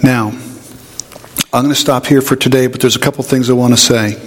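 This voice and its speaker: A man preaching a sermon, an animated storyteller who acts out voices in his anecdotes. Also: mid-range voice, a little fast, a little hiss or hum. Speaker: pastor. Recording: hall reverb.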